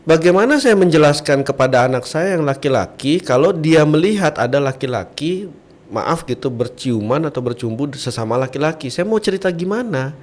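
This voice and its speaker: Appearing as a guest on a religious podcast, a man from Bali, Indonesia, who seems middle-aged, preaches conversationally and tells stories punctuated by rhetorical questions. His voice is slightly high and darkish in tone, with lively intonation and a slightly fast pace.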